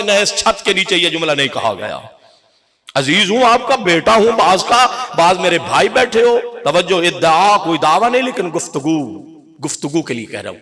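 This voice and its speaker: A middle-aged man delivering an impassioned sermon, moving between soft, slow Quranic recitation and shouted, sung declamation. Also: high-pitched. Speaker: cleric giving a religious address. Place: gathering at a congregational religious hall.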